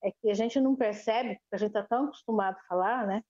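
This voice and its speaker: A woman historian from Sorocaba with a São Paulo interior caipira accent, talking in a casual interview, animated and full of hesitant restarts. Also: medium pitch, quick pace, highs cut off. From Sorocaba, São Paulo state, Brazil.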